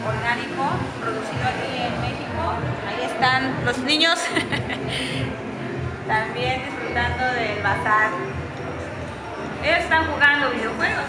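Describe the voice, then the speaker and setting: A woman chattily walking a camera through a holiday bazaar, enthusiastically recommending the stalls and their handmade goods. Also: a little high. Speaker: host touring a holiday bazaar. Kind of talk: casual walkthrough narration. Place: large indoor hall at a crowded bazaar. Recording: echoey hall with loud crowd and music.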